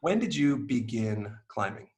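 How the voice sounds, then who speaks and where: A man hosting an interview podcast, asking questions in a friendly, measured way. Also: medium pitch, big pitch swings, darkish tone. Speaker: podcast host.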